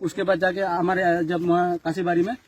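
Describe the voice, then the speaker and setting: A man's voice: high-pitched, little pitch movement, a little fast. A man telling an interviewer outdoors, urgently and repetitively, how his group was attacked. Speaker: party worker describing an attack. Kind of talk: agitated street interview account. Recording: loud crowd behind.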